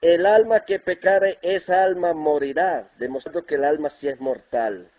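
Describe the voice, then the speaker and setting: A Colombian man with a slightly high voice delivers a heated scripture rebuttal, mixing Bible verses with scornful insults. The audio is muffled and lo-fi, like a reposted video clip. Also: normal speed. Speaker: religious debater in a video reply.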